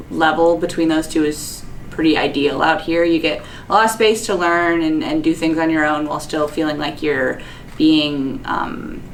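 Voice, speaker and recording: A woman's voice: low-pitched, recorded from a distance, a little hiss or hum, low-quality recording. A woman, a second-year medical resident, giving an upbeat testimonial with casual fillers. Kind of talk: promotional testimonial.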